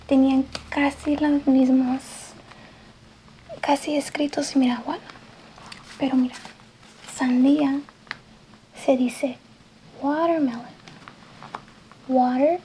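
A woman in a whispered role-play as an English teacher, speaking softly and patiently and slipping between a gentle voice and a whisper. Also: sits high, flat delivery, a little hiss or hum, rough recording. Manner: soft-spoken, slow and patient, drifting between soft voice and whisper. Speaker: ASMR creator playing an English teacher.

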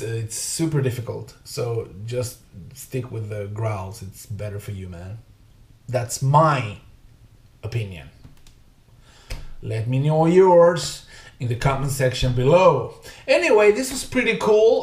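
A man in his thirties, speaking English as a non-native, reacts casually to music in halting speech full of fillers. His pitch is medium. He's recorded on a desk webcam at home, and the room sounds echoey.

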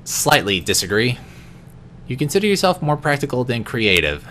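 A man reading personality quiz questions aloud in an unscripted vlog, answering each one in a quieter, lower voice with the odd stumble. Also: big pitch swings, moderate pace, slight background noise. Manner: occasional stumbles and restarts. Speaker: vlogger.

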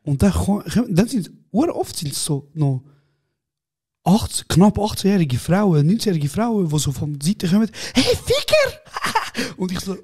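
A man with a slightly higher voice co-hosts a relaxed podcast chat. He tells animated, slangy anecdotes and laughs often. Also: normal speed, breathy edge. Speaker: podcast co-host. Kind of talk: casual chat, storytelling.

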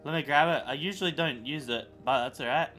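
A male streamer with a bright, forceful, slightly high voice chats and swears his way through a live gaming session. He jumps between greeting viewers and bantering with friends, loose and excitable throughout. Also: fast, faint music behind. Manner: excitable, profane, bantering with chat. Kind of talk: casual live-stream chat while gaming.

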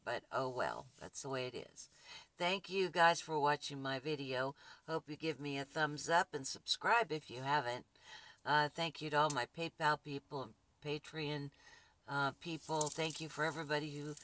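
A woman with a husky, gruff, dark voice, hosting her channel and talking casually to viewers with rambling restarts and fillers. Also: sits low. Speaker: spiritual channel host.

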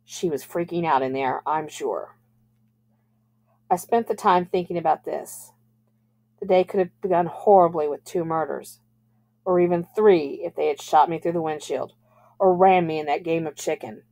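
A woman teacher reading a novel aloud to a class at a measured, even pace. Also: sits low.

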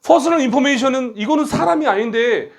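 A man's voice: very high voice, expressive, quick pace, creaky, voice pushed up, exaggerated voice. A male teacher voicing a student who earnestly asks him a puzzled grammar question.

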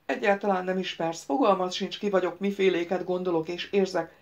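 A woman's voice: on the low side, fairly even intonation, a little mellow, close to an everyday voice. Proud young prince talking back, sarcastic, blunt, read by a woman, audiobook. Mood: defiant. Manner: defiant, sarcastic.

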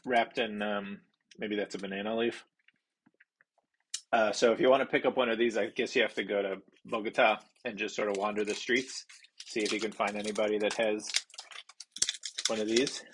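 A man, hosting a casual foodie snack review in a halting way, thinking aloud as he describes flavours. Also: fairly low pitch, steady tone, slight background noise. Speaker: food review host. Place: small indoor home office.

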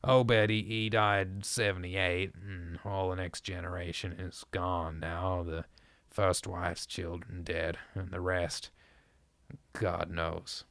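Guy doing a crazed old salt, rustic drawl, rants and shrieks, kinda low and right up on the mic. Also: little pitch movement, slow pace, a bit bright, no room sound, full character voice. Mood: maudlin. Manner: rustic old dialect, ranting and shrill. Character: ancient frightened old man, rambling and half-mad.

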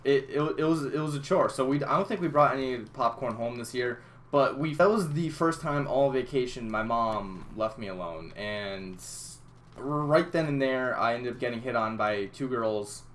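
A young adult gaming YouTuber from Massachusetts tells a rambling story full of swearing and restarts over game footage. He speaks at a moderate pace in a medium-pitched voice, using a headset mic in a small room, with a little hiss or hum on the recording.

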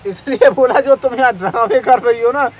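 A man's voice: very high-pitched, normal speed, low-quality recording. A young man arguing with his partner on a boat outdoors, defensive and pleading with her to listen. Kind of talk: staged couple argument.

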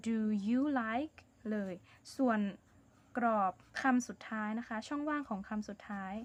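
A woman's voice: a little high, highs cut off. Patient Thai woman teaching young pupils. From Thailand. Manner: patient, repeats herself, coaxing fillers. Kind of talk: explaining a worksheet to young pupils.

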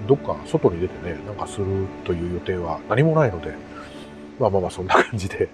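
Speaking fast with a lively lilt, this low-voiced middle-aged man from Japan chats to camera as an amateur radio vlogger. He rambles easily and pokes fun at himself while music plays behind him.

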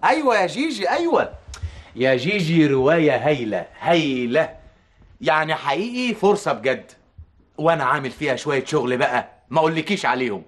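An actor playing a brash, smooth-talking stage director with an Egyptian accent. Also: male voice, a little high, sing-song, a little fast. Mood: wheedling. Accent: Egyptian Arabic. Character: flashy, scheming male stage director. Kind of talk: TV drama acting.

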